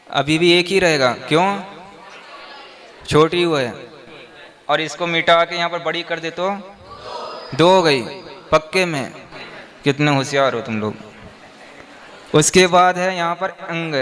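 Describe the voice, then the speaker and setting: A man's voice: fairly high pitch, fairly bright tone. A man, a monk, teaching verse meter to a class, patiently explaining step by step and quizzing them with repeated questions.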